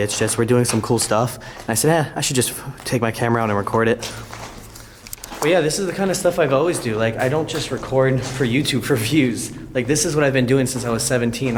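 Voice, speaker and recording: A young man chatting casually as an urban exploring vlogger, informal and exclamatory, recorded inside an abandoned tunnel. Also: medium pitch. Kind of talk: casual exploring vlog chat. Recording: noisy on-location recording with ambience.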